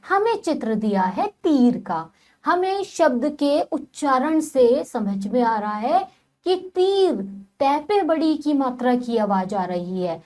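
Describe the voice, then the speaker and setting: Slow, high-voiced woman teaching children. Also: a little mellow. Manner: slow, sing-song teaching, addresses children directly; spells words out syllable by syllable. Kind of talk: children's Hindi lesson on vowel signs.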